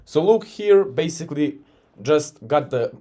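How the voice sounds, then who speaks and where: His voice runs on the high side, animated yet dark in tone, delivered at a measured pace. He's a Croatian-accented man coaching casually through a recorded sales call, loose and chatty, often tagging "right?".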